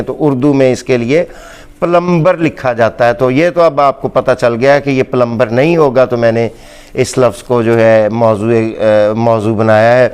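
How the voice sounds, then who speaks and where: A man with a Pakistani accent giving a slow, deliberate English pronunciation lesson, repeating each word for emphasis. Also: medium pitch, a little mellow, smooth. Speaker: English teacher.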